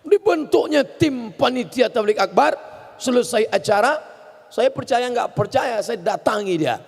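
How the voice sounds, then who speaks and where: Lively high-voiced male preacher in a hall. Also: measured pace, vocal fry. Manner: lively storytelling, acting out voices and sounds. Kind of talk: humorous sermon. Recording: reverberant hall.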